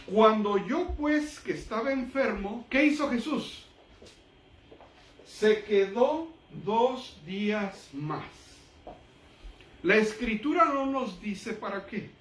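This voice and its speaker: A man with a high voice delivers a sermon, reading Bible verses and explaining them with emphatic pauses. His voice carries from a distance through an echoey room. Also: expressive, fairly bright tone. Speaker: preacher.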